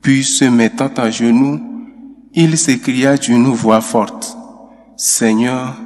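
A male lector with an even, mid-range voice reads scripture passages at a slow, deliberate pace. Long church reverb trails each phrase. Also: mid-range voice. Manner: slow, measured reading. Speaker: lector and psalm cantor. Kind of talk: scripture reading.

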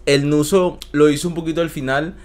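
A man with a Venezuelan accent, casually reacting to rap verses on a stream in a slangy, excitable way. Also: a little high, brisk. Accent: Venezuelan Spanish. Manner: slangy, excitable, keeps saying "brother" and "¿me entiendes?".

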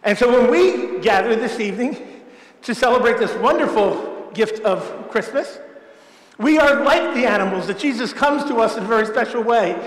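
A high-pitched man preaches a Christmas homily, telling it as a gentle story in plain words for children. His voice rings through a large church, with a long reverb hanging after each phrase. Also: expressive, moderate pace. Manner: simple storytelling, speaking to children. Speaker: priest.

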